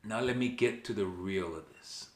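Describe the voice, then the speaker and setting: Deep voiced guy from venezuela, slow and emphatic, lots of "okay", roomy echo. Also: slight background noise. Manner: emphatic, repeats "okay" and rhetorical questions. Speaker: vlog host. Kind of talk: direct-to-camera commentary.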